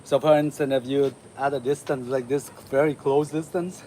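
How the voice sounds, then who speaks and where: A man from Vietnam hosting a martial arts livestream, chatting casually with viewers while he warms up, with lots of uh fillers. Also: mid-range voice, moderate pace, a little hiss or hum. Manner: relaxed, chatty, many uh fillers, laughs often. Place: home in the city.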